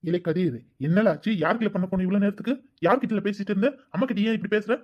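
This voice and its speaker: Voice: medium pitch, fast talker, lightly acted. A voice actor playing a protective, caring elder brother in a cartoon, coaxing and soothing. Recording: dull lo-fi recording.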